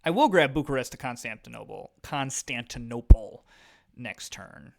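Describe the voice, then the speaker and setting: Over some background noise, a man with a creaky, medium-pitched voice talks fairly quickly in a sing-song way. He's a Midwestern American gaming YouTuber in his thirties, rambling casually through a let's-play of an online board game, with plenty of fillers and jokes at his own expense.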